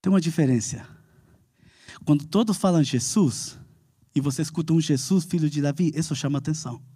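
Brazilian male pastor, high tenor, dry close sound, emphatic repeated calls, sermon delivery. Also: fairly quick, mellow, husky, dry recording. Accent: Brazilian Portuguese. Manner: emphatic, repetitive, rising to fervent calls with frequent "amen?". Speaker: preacher.

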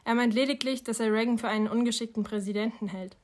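A woman reading an audiobook, voicing a gentle, protective mother who is also a teacher, speaking softly and patiently. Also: on the high side, steady tone, quick pace, lightly acted. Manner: soft, patient.

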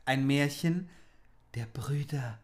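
A man's voice: medium pitch, takes it slowly, darkish tone. A man co-hosting a podcast, reading a fairy tale aloud in a playful, chatty way and jumping in with asides. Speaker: podcast co-host.

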